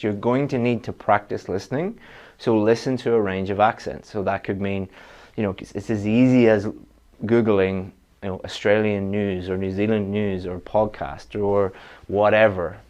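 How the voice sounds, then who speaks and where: Man coaching exam students, lower voice. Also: fairly even intonation, normal speed, a little mellow. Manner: direct, coaching, talks straight to students. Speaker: IELTS teacher. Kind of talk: online exam-prep lesson.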